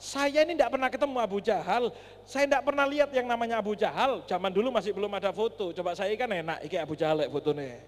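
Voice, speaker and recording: Preacher guy doing an eager young fella, high and earnest, echoey mosque. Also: fast talker, lightly acted. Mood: earnest, determined. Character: brave eager young male companion.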